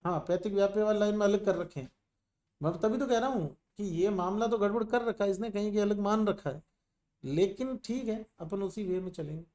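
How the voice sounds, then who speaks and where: A man's voice: high-pitched, brisk, mellow. A middle-aged male teacher lecturing a class on ayurveda, teasing and scolding students while mixing in English terms.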